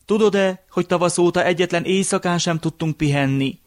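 A man's voice: high voice, voice pushed up, close to an everyday voice. A man voicing a thin, grey-haired old man who is exhausted and speaks in a weary, faltering way.

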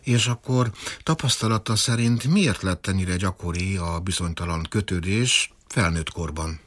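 A man interviewing a guest, asking calm, direct questions. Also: deep voice.

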